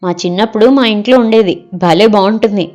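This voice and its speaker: A woman speaks quickly in a warm, medium-pitched voice close to her everyday one, playing a middle-aged husband in an audio story. The proud, easily exasperated man eagerly and coaxingly suggests gift after gift over soft music in lo-fi sound.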